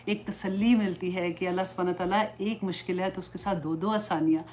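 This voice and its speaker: A woman's voice: lowish voice, steady tone, a little mellow, a little hiss or hum. A middle-aged woman religious teacher giving an earnest, pleading lecture, mixing English words into her talk. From Pakistan.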